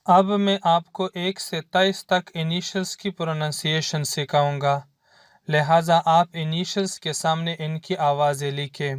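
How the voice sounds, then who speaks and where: A male language teacher giving a slow, explanatory recorded lesson and modeling sounds for learners to repeat. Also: a little high, steady tone, clear, resonant tone.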